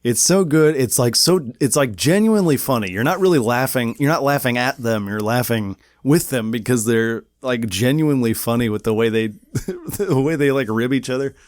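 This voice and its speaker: A man's voice: medium pitch, animated, moderate pace, no echo. A man co-hosting a podcast, chatting casually and rambling with lots of fillers. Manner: laid-back, rambling with many "like"s. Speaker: podcast co-host. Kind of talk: casual chat.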